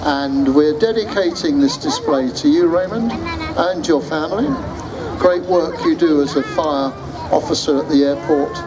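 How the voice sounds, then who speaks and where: Over loudspeakers at an outdoor seafront airshow, a man with a fairly high voice announces to spectators at a measured pace. The public address recording is swamped by loud crowd and aircraft noise.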